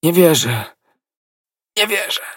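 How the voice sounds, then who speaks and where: A man's voice: on the high side, big pitch swings, takes it slowly, fairly bright tone, breathy edge, no echo, studio quality, pitched above the performer's own voice, heavily acted. A man reading an audiobook, voicing a dying poisoned soldier who gasps, moans and accuses in a faltering voice. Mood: anguished. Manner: gasping, moaning, accusing.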